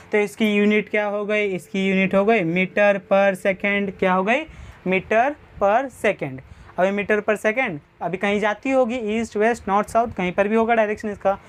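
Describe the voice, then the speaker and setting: A man teaching a physics lesson, asking questions and answering them himself, cracking jokes along the way. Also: high voice. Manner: jokey, quizzes and answers himself. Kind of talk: classroom lecture.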